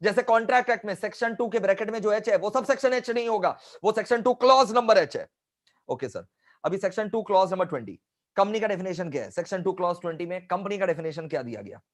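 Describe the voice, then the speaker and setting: A man's voice: high voice, animated, fast talker. A man teaching a live online revision class, emphatic, repeating key points and adding scolding asides to his students.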